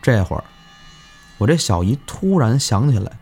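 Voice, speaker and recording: A man telling village ghost stories in casual chat, animated and swearing in surprise. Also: mid-range voice, normal speed, breathy edge. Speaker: guest storyteller. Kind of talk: casual spooky storytelling.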